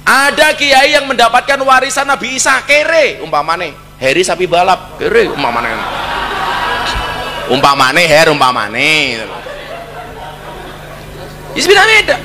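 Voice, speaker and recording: A man with a Javanese accent gives a joking, story-filled sermon in a voice that is high and very bright. His words ring out with a long reverb behind them, and he keeps mixing in Javanese. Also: very animated, normal speed, soft background music. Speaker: preacher. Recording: hall reverb.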